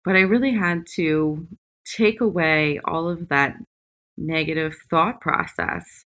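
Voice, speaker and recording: A woman hosting a personal, reflective podcast monologue, speaking deliberately in short phrases with pauses, recorded at the beach on makeshift equipment. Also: deep voice, fairly bright tone. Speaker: podcast host. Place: at the beach, away from usual studio. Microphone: makeshift, not usual podcast equipment.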